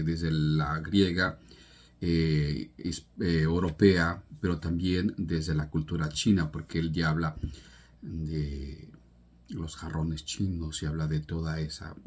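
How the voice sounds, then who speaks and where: A man's voice: low voice, warm tone, husky. A man from El Salvador giving an earnest, informal talk on a poet's life and legacy, with restarts and emphatic rises. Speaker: literature presenter.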